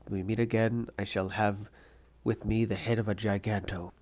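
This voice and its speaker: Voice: medium pitch, level tone, moderate pace, darkish tone, close to an everyday voice. A performer voicing a pompous, menacing male supervillain hunter in a comic dub, speaking in a grandiose, formal, haughty way. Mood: pensive, solemn. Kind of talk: theatrical comic-book villain dub.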